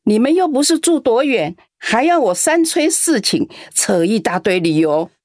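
Playing a lonely old grandmother in a radio drama, this woman uses a fairly high, very animated, slightly mellow voice at a moderate pace. Her tone shifts from doting and sighing over the young to aggrieved scolding of her grown daughter. The studio recording is dry.

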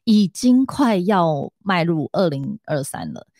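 A woman's voice: lowish voice, animated, slow, mellow, no echo, studio quality. A woman with a Taiwanese accent chatting casually as a podcast co-host. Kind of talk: casual chat.

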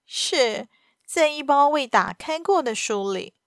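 A woman voicing a flustered, high-strung noblewoman and mother in a read-aloud story. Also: expressive, slow, fairly bright tone, no echo, studio quality, exaggerated voice. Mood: startled. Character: frightened noblewoman mother, adult.

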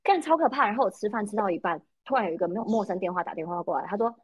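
A woman's voice: mid-range voice, racing, breathy edge, no echo, muffled recording. A woman with a Taiwanese Mandarin accent, a podcast co-host chatting casually and telling blunt, swearing stories. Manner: animated storyteller, blunt and swearing. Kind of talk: casual chat.

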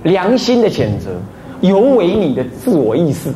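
A Taiwanese Buddhist abbot gives a dharma talk in a high voice with big pitch swings at a moderate pace, mixing Taiwanese phrases into Mandarin and often asking listeners rhetorical questions. The recording has a roomy echo and faint noise.

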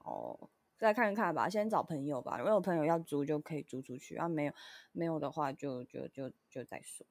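A woman's voice: low-pitched, a little fast, dry recording. A woman co-host, telling an annoyed story in casual chat. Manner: animated, frustrated storytelling. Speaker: podcast co-host.

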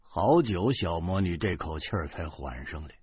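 A man telling a story in lively, dramatic Beijing colloquial speech, with a Beijing accent. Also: deep voice, moderate pace, slightly rough, no echo. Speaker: audiobook narrator. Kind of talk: storytelling narration. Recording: muffled, dry close recording.

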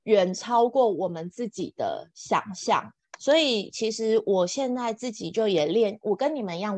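A woman, a podcast guest telling a personal story in an animated, exclamatory way, her voice jumping up in excited bursts. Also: no room sound. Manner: expressive, exclamatory, laughs often, jumps between high excited bursts and soft asides. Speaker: podcast guest, event planner.

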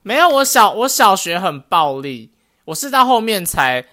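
A woman's voice: mid-range voice, moderate pace. A woman co-hosting a casual podcast chat and telling a story with lots of restarts. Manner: animated storytelling with frequent restarts. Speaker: podcast co-host.

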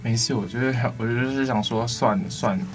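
A man's voice: mid-range voice, fairly quick, faint music behind. A young man with a Taiwanese Mandarin accent, co-hosting a campus radio show and telling stories by acting out the customers. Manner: animated storytelling, acting out customers. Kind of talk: casual chat.

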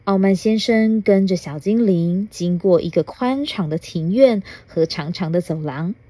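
A woman, a mother, reading a picture book aloud for a children's podcast, gentle and asking the child little questions along the way. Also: lowish voice, measured pace, no echo.

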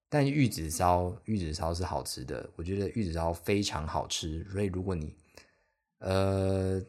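A young man from Taiwan speaks in a low, deep register with a Taiwanese Mandarin accent. He hosts his own podcast alone, wandering through a travel story and often losing his train of thought. He pokes fun at himself in a loose, chatty way. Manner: rambling, self-deprecating, chatty. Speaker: podcast host. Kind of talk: casual solo podcast storytelling.

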